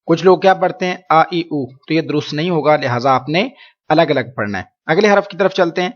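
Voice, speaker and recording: A patient male teacher leads a Quran reading lesson in a somewhat high voice. He explains the rules, then slowly draws out each syllable so learners can repeat after him. The recording is dull and lo-fi. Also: expressive.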